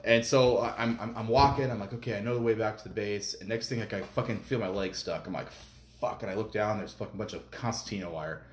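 A man's voice: fairly low pitch, fast, hardly any pauses, a little hiss or hum. Man telling a profane war story in a roomy room. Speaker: podcast guest, military veteran. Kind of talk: casual storytelling.

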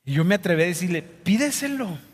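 High-voiced man preaching in reverberant hall. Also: a little slow. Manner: dramatic, acts out scripture quotes. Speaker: pastor. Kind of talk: sermon.

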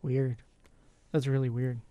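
A man's voice: mid-range voice, level tone, measured pace, dark tone, dry recording. A middle-aged man co-hosting a podcast in casual chat, joking and teasing. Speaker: podcast co-host.

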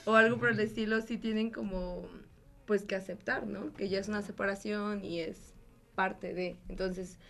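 A young woman from Puebla, a lively guest in a casual panel chat. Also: mid-range voice, moderate pace. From Puebla, Mexico.

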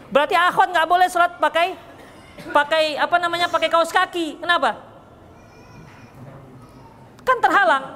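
A man's voice: very high-pitched, fairly bright tone, a little hiss or hum. A man giving a religious lesson and answering questions, teasing and chuckling often. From Medan, Indonesia. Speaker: Islamic preacher answering questions. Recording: echoey hall with faint ambience.

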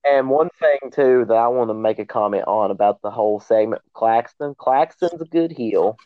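A man's voice: medium pitch, no echo. Male co-host, eager fan, thin phone-line audio. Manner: enthusiastic fan, quick reactions. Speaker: podcast co-host. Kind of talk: casual podcast chat.

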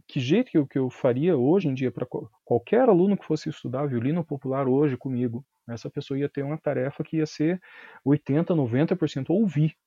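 A Brazilian-accented man talks in a casual interview, explaining with lively energy and loose slang. His voice is dark and a little husky. The recording is dry and somewhat dull, with a lo-fi edge. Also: fairly high pitch, a little fast, no echo. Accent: Brazilian Portuguese. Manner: animated explaining with casual slang and frequent tag questions. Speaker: violin teacher.

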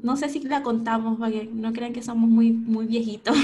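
A young Venezuelan woman speaks with a Venezuelan Spanish accent, her voice sitting fairly high. She talks cheerfully in a relaxed podcast interview and laughs often. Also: moderate pace. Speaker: podcast host and guest. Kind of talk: casual conversational interview.

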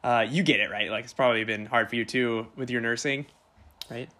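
A man's voice: mid-range voice, steady tone, fairly quick, bright, forceful tone, pitched below the performer's own voice, lightly acted. A man playing an overexcited young man who pushes and whines about getting his shot, in an improvised comedy sketch over a video call. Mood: eager. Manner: pushy, whiny, needy.

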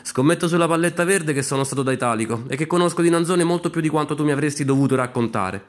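A man's voice: on the high side, fast, voice pushed up, lightly acted. A man voicing a shrewd young gambler with a cool, teasing way of betting. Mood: sly.

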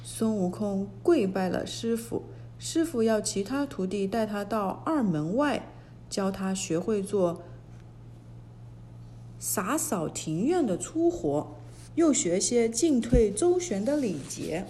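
A woman tells a classic children's myth in a slow, lilting storybook voice. Her tone is soft and mellow, with a faint hiss in the background. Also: medium pitch, expressive.

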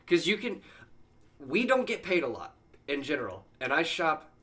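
A man's voice: a little high, very animated, moderate pace, a bit bright. A man co-hosting a podcast, chatting casually with loose, crude, joking banter. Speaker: podcast co-host. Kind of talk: casual chat.

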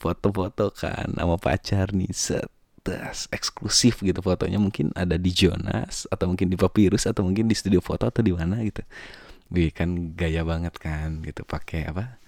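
Deep, laughing young man. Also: fairly even intonation, moderate pace, creaky, darkish tone, no room sound, studio quality. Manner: joking, laughs often, slangy Jakarta banter. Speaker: host reading listener messages. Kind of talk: casual podcast chat.

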